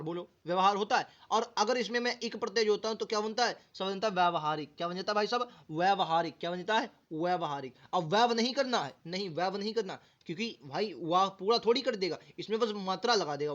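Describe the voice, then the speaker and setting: High-voiced man drilling spelling, lo-fi. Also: quick pace, few pauses, a bit bright. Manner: drills words aloud, repeats them syllable by syllable; keeps asking students rhetorical questions. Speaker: teacher. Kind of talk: exam-prep grammar lesson.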